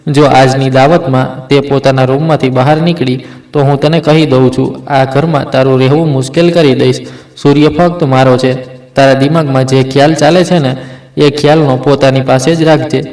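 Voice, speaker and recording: A man's voice: mid-range voice, fairly even intonation, normal speed, darkish tone, reverberant, natural voice, rough recording. A man voicing a spiteful, jealous young woman who threatens her rival in a storybook reading. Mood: threatening. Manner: cold, threatening.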